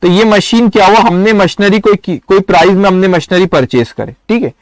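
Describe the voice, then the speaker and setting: High-voiced male accounting teacher. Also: brisk, dry recording. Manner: coaxing, asks students questions and answers himself. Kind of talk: live online lecture.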